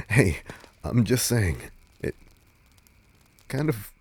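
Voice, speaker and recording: Heavily acted and recorded dry, this performance features a man with a lowish, breathy voice and big pitch swings as a tender, teasing yet insecure vampire lover. The intimate roleplay audio drama has him murmuring haltingly and breathily, often sliding into whispers.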